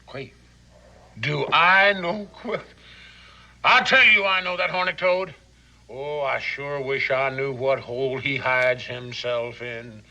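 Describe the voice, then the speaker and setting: An actor playing a wily, boisterous river pirate captain in a western, with a folksy slow Southern American drawl and theatrical delivery. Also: male voice, mid-range voice, pushed and bright, lo-fi sound, heavily acted. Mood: musing, scornful. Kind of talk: scripted western screen acting.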